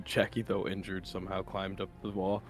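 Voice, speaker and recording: A man's voice: deep voice, little pitch movement, moderate pace, soft background music. A man playing in a tabletop role-playing game, casual and self-deprecating, joking with the group. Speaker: player.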